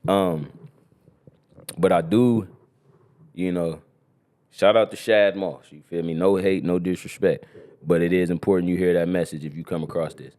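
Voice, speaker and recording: In a low, darkish, steady voice, a young Columbus, Ohio man co-hosts a podcast at a moderate pace, pausing often. He chats casually in loose slang and keeps saying "you feel me."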